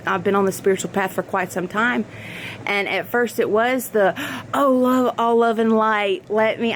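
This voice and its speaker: A woman giving an earnest, reflective spiritual monologue in halting phrases, as in a personal vlog. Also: medium pitch, slight background noise. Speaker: spiritual vlogger.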